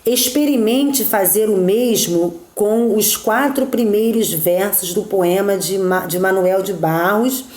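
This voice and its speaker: Slow, patient woman teacher. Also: medium pitch, darkish tone, roomy sound. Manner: slow and patient, checking in with frequent "tá?" and "né?"; counts out poetic syllables one by one. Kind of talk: recorded remote class, going through textbook exercises.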